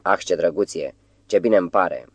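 A man reading a fearless young woman in an audiobook. She sounds ardent and reassuring but low-pitched. The recording is dry and close. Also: gravelly, fairly bright tone, no room sound, exaggerated voice.

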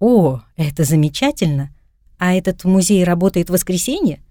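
A woman's voice: lowish voice, moderate pace, no room sound, clean studio sound, natural voice. A woman voicing a witty, mischievous young woman in an audiobook. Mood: playful. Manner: lively, wry, chatting to her cat.

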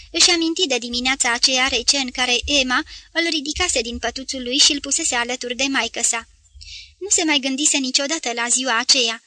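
A woman reads a novel aloud in an even, measured way. Her voice is high and bright, recorded close and dry with no room sound. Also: no echo. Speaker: audiobook reader. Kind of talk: scripted literary narration.

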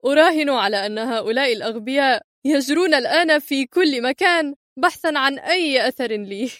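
A woman's voice: a little high, animated, brisk, a bit bright, no room sound. Woman playing a sneering thin crook, mocking, insolent, dry close recording. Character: sneering thin male criminal, mocking and nervous.

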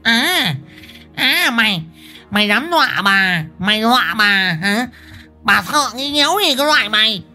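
A man's voice: sits high, animated, moderate pace, bright, forceful tone, soft background music, voice pushed up, heavily acted. A man voicing a brash, fierce country woman who shrieks crude threats in a ghost story. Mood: furious taunting.

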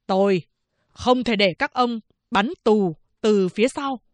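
A proud condemned prisoner who barks his demands, loud and commanding even in chains, as a woman narrator raises her voice for him. It is a storybook reading, recorded close and dry. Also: mid-range voice, slow, no room sound, close to an everyday voice. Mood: defiant, indignant. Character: defiant condemned male prisoner, proud and fiery.

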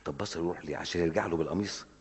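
A man's voice: deep voice, rapid-fire, husky, long reverb tail. A man preaching a Ramadan lesson in a large mosque in Egyptian Arabic, often asking his audience rhetorical questions in a conversational way.

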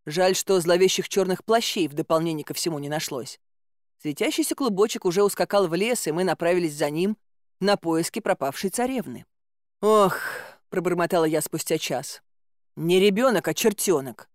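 A woman narrating a first-person fairy-tale audiobook in a wry, expressive storytelling manner. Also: lowish voice, a little fast, dry recording, clean studio sound.

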